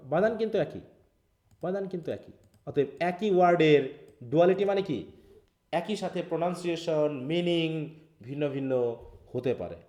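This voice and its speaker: A man with a Bangladeshi accent leads a live linguistics lesson, walking through each point and checking in with his students. His voice sits a little high but sounds mellow and soft-edged. The sound carries an echo from the room around him. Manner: explains step by step, mixing English terms, asks students questions. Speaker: English linguistics teacher. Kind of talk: live online class lecture.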